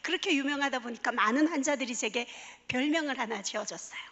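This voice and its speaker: A woman's voice: high-pitched, fast, fairly bright tone. A woman from Daegu, a pastor's wife, gives a humorous church testimony and keeps drawing the audience in with questions. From Daegu, South Korea. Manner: playful, engages the audience with questions. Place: church hall. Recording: echoey church hall, dull sound.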